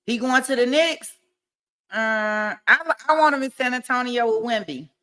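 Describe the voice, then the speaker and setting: A woman's voice: fairly high pitch, expressive, normal speed, bright, forceful tone. A woman livestream host talking casually to her viewers in colloquial, informal phrasing.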